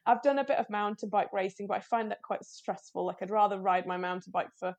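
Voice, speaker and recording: A woman's voice: medium pitch, fairly even intonation, quick pace, a little mellow. A woman being interviewed, talking casually with many restarts and frequent laughs. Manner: chatty, self-deprecating, laughs often, many restarts. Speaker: guest, cyclist.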